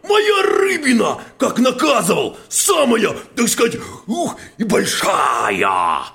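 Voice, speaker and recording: A man doing a gravelly greedy bear. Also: sits high, wildly swooping pitch, slow pace, pitched above the performer's own voice, full character voice. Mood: bellowing. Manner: blustering, demanding, shouts. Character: greedy gruff male bear, bossy and loud. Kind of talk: storybook narration.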